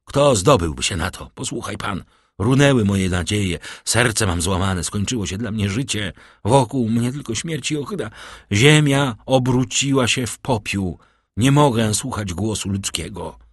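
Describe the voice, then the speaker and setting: A man's voice: lowish voice, expressive, moderate pace, breathy edge, dry recording, clean studio sound. A man reading the part of a desperate young man who pours out grief and rage in an audiobook. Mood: despairing. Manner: impassioned, rising to outbursts.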